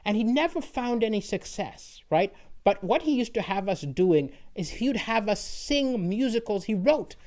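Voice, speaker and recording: With a notably high-pitched voice and a darkish tone, this male comedian chats and rambles casually for an online audience at a moderate pace. He's animated and frequently ends lines with "right?".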